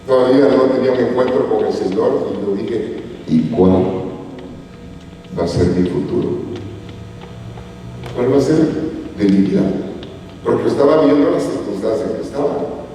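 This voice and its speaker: A man's voice: mid-range voice, moderate pace, pauses often, mellow, a little hiss or hum. A man from Guatemala preaching a sermon in a church, telling stories with rising emphasis. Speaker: pastor. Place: church hall. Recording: echoey church hall from far off.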